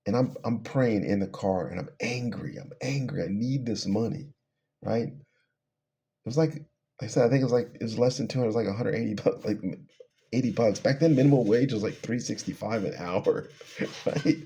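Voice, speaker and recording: A man's voice: medium pitch, brisk, mellow. A middle-aged man casually telling a personal testimony, rambling and laughing between phrases as he trails off. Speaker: storyteller.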